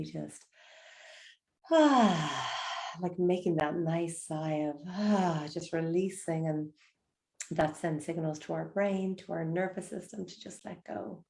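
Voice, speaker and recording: A woman with a low, slightly gravelly voice guides listeners through a breathing meditation. She speaks softly and unhurriedly, her tone warm and mellow as she offers gentle invitations. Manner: soft, slow and soothing, gentle invitations.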